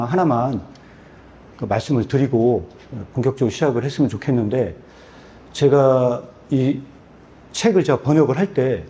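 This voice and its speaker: A man's voice: mid-range voice, dark tone. A middle-aged man who translates and publishes books, giving a candid personal testimony at a church book talk. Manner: candid, storytelling with self-deprecating humor. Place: church hall.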